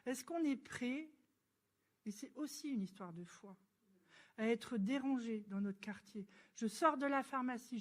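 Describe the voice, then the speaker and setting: A woman giving a church testimony, telling her story in a lively, chatty way and acting out the dialogue. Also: a little high. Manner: lively storyteller who acts out dialogue and laughs; chatty and informal, with frequent fillers.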